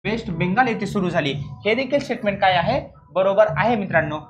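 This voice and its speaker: A male exam coach with a fairly high voice teaches in classroom style, explaining material didactically and repeating the key points. He often asks his students brief rhetorical questions to check they're following. His intonation is lively, his pace quick, with faint music in the background.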